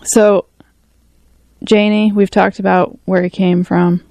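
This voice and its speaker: Female community radio host, low gravelly voice, flat even delivery, dry close sound. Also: takes it slowly, no echo. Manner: relaxed, encouraging, laughs along.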